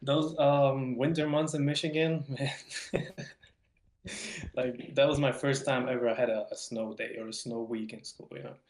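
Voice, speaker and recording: Guesting on a podcast, a young adult man from Hungary talks casually in an interview, his Hungarian accent clear and his words often repeated. His mid-range voice has fairly even intonation and a measured pace, and the recording sounds roomy and echoing.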